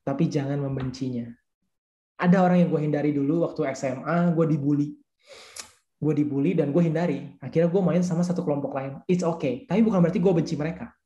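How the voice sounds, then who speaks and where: A man's voice: fairly high pitch, dark tone, roomy sound, highs cut off. A man who leads a church youth ministry, teaching a discipleship class in a casual, slangy way and repeating his key points.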